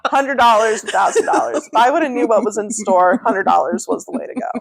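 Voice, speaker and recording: Lively woman telling a comic story. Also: brisk, gravelly. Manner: animated, acts out quoted lines with big pitch jumps; frequent laughter while talking. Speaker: podcast co-host.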